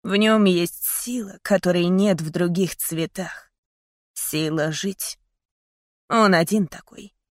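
A woman reading the part of a gentle dying father in a soft, hushed, tender voice. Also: lowish voice, steady tone, takes it slowly, dry recording, clean studio sound. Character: gentle dying father, middle-aged man. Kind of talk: audiobook character voice.

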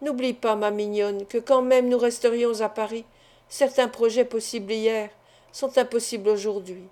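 A woman's voice: a little high, steady tone, moderate pace, warm tone, close to an everyday voice. A woman reading the lines of an anguished, honourable middle-aged father in an audiobook, grave and resolute. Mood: gentle resolve.

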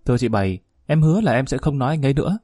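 Brief: quick-tongued, scolding village wife, read by a man, dry close recording. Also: mid-range voice, expressive, dark tone, husky, no room sound, faint music behind.

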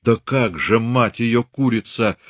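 A man voicing a hot-tempered old lame Cossack father who yells, curses and shrieks, in a dry recording. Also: takes it slowly, no echo, natural voice. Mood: furious shouting. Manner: shrill, cursing, yelling.

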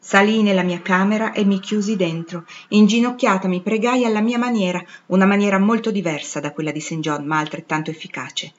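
A woman narrating a literary audiobook in an expressive, dramatic reading. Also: mid-range voice, fairly quick, few pauses, highs cut off. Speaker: audiobook reader.

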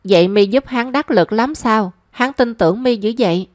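A woman's voice: on the high side, normal speed, darkish tone, dry recording, clean studio sound, close to an everyday voice. A woman voicing a cheeky, brash young woman who teases her friend. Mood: teasing. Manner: teasing, brash.

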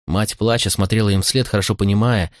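A male narrator reads a novel in a low, steady voice with dramatic pacing. The recording is close and dry, with no room sound. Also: fairly quick, no echo. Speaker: audiobook narrator.

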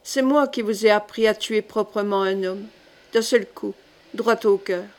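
A woman reading the part of a gruff older male jailer in an audiobook, speaking slowly and with quiet irony. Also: mid-range voice, natural voice. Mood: calm ironic.

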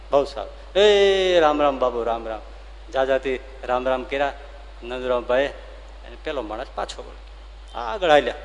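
A man, a swami, telling a devotional story in a sermon, animated and acting out the dialogue. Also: a little high. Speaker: swami giving a religious discourse. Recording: long hall reverb.

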